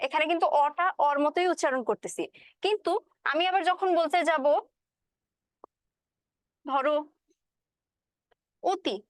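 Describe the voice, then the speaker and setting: A woman's voice: high-pitched, no room sound, studio quality. A woman teacher giving a classroom lecture, explaining step by step and often checking that students follow, with English words mixed into her speech.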